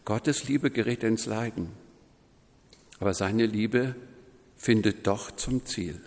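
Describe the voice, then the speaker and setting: A man preaching a sermon in a measured, deliberate way, quoting scripture voices as he goes. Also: lowish voice, a little mellow, big-room sound. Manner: slow, measured preaching with quoted voices woven in.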